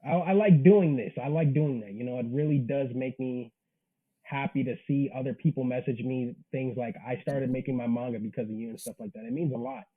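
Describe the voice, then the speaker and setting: Here a manga creator in his 20s is a guest on a casual interview, talking earnestly with plenty of slang. He speaks animatedly and a little fast at medium pitch, his voice slightly rough. The sound is narrow and tinny.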